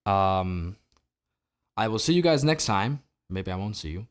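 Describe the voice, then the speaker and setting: A man's voice: low voice, lively intonation, measured pace. A man from New Jersey hosting a solo political commentary podcast, talking in a sarcastic, opinionated way with rhetorical questions. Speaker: podcast host.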